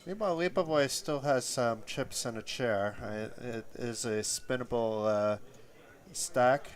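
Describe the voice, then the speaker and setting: A man's voice: medium pitch, a little slow. A man commentating on a live poker tournament, explaining the play in an analytical way.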